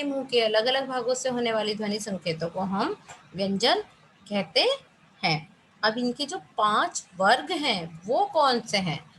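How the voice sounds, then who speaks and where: A woman's voice: a little high, fairly bright tone, a little hiss or hum, low-quality recording. A young woman teaching Hindi grammar to students, explaining patiently and answering her own questions. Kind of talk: classroom-style lesson to students.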